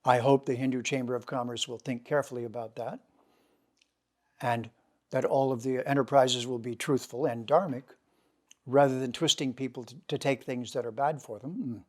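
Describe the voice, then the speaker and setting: Male lecturer, mid-pitched, emphatic teaching voice, poses questions and answers them. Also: steady tone, darkish tone. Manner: emphatic, asks questions and answers them himself, slows for key words. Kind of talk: lecture to a seminar group.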